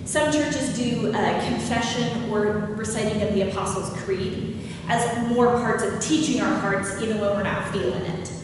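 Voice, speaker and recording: A woman's voice: mid-range voice, unhurried. A young woman pastor giving a conversational sermon, chatting with and questioning her congregation. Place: church sanctuary. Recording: echoey hall from far off, noisy.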